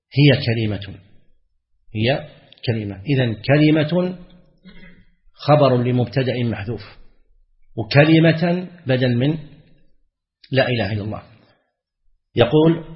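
Male teacher giving a lesson, checks the class with questions, muffled and echoey hall recording. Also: medium pitch. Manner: repeats words slowly, asks the class questions. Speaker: sheikh teaching a religious text. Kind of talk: classroom lesson explaining grammar.

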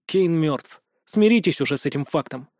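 A man reading an audiobook, voicing a stubborn teenage boy psionic who speaks softly and defensively. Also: on the high side, expressive, normal speed, no echo, studio quality, close to an everyday voice. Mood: subdued. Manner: soft, subdued, defensive.

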